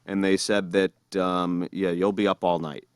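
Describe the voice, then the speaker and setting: Man, low voice, dry close mic, casual podcast host, animated storyteller. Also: unhurried, smooth, no echo. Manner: animated storyteller, jumps high when mimicking others.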